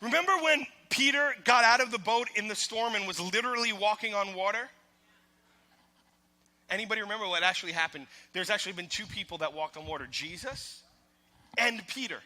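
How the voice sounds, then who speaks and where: High, bright-voiced man preaching in a church. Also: a little fast. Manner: emphatic and repetitive, asking the congregation rhetorical questions. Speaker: pastor. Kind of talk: sermon. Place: church sanctuary. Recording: long reverb of a large church hall.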